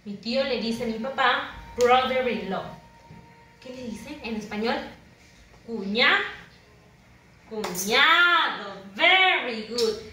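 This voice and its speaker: A woman teaching English to primary school children, slowly drawing out model words for them to repeat and praising them. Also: on the high side, animated, bright, forceful tone, soft background music. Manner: switches between English and Spanish, encouraging praise. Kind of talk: bilingual classroom lesson to camera. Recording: roomy and distant with faint ambience.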